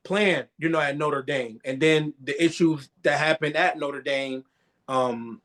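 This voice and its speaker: Male co-host with a somewhat high voice, easygoing and affirming. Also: a little slow, a bit bright. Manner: affirming, frequent back-channel agreement. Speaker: podcast co-host. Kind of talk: casual sports chat.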